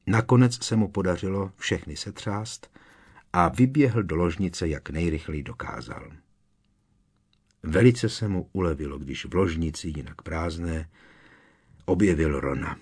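A man narrating a fantasy audiobook in a measured storytelling manner. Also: sits low, darkish tone, breathy edge. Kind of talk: scripted narration.

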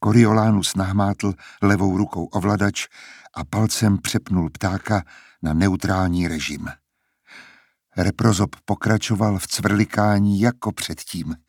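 A man narrating a novel as an audiobook in a steady, even storytelling manner. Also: deep voice, husky, dry recording, studio quality. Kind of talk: scripted narration.

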